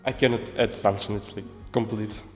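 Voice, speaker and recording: A man's voice: fairly low pitch, fairly even intonation, a little fast. Guy summing up topics, short and plain, echoey hall, faint music. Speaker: project participant.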